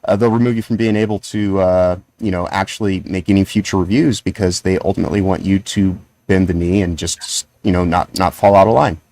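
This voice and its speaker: A man's voice: low voice, steady tone, fairly quick, few pauses, darkish tone, no room sound. Man on a clipping, distorted mic. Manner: rambling, full of "uh" and "you know". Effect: clipping, distorted mic from peaking levels. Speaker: podcast co-host. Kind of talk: casual live-stream discussion.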